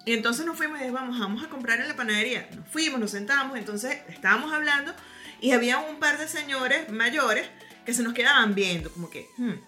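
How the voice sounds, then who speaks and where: A Venezuelan woman chatting casually on a podcast, telling lively stories about her life abroad. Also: high voice, quick pace, faint music behind. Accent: Venezuelan Spanish. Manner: lively storytelling, acts out quoted voices. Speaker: podcast guest. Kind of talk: casual chat.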